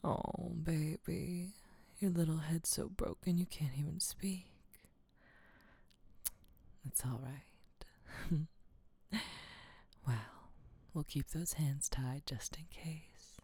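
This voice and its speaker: A doting, soothing caretaker, played by a woman, speaking in a soft hushing whisper that stays low and unhurried. The voice has a husky, gravelly grain and a warm, mellow tone, with a dry, close sound. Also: no room sound, heavily acted. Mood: tender, hushing. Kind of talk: intimate audio roleplay.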